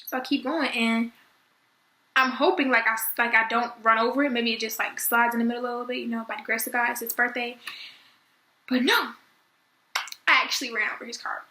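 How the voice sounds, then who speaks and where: Bright, high-voiced young woman vlogger. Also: fairly even intonation, fairly quick, pauses often. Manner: chatty, fills speech with "like". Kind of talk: casual storytelling to camera. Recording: echoey room.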